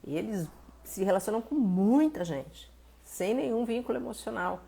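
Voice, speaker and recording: A Brazilian woman therapist talking casually on a live stream, reading out viewers' messages and answering them with animated, acted-out exclamations. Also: mid-range voice, normal speed, gravelly, husky. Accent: Brazilian Portuguese. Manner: animated, conversational, reads viewer messages aloud and acts out exclamations.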